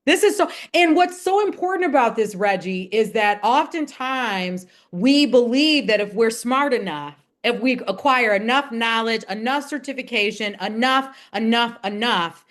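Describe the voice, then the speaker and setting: A woman's voice: on the high side, animated, normal speed, few pauses, a bit bright. A woman hosting a wellness podcast in casual conversation with a guest. She speaks in an affirming, reflective way and often turns to spiritual wording. Her tone stays conversational throughout. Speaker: podcast host.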